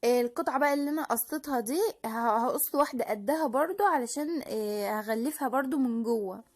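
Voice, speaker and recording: Hosting a DIY crafts video, a woman with an Egyptian Arabic accent walks through each step in a casual, talkative voice-over. She speaks fast in a high voice, often stopping mid-phrase to start over and using plenty of fillers.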